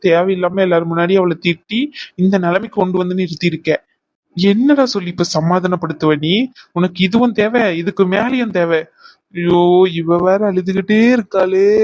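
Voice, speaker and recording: A woman's voice: lowish voice, fairly even intonation, moderate pace, a little mellow, no room sound, natural voice. A woman voicing a young husband in a cartoon who coaxes, teases and pleads with his upset wife. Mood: remorseful. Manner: coaxing, teasing and pleading. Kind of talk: cartoon voice acting.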